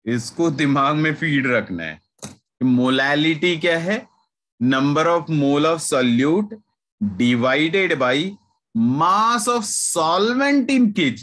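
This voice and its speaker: A man with a mid-range, fairly bright voice teaches chemistry online, patiently repeating key points. He mixes Hindi with English terms and calls his students "yaar" and "bachche."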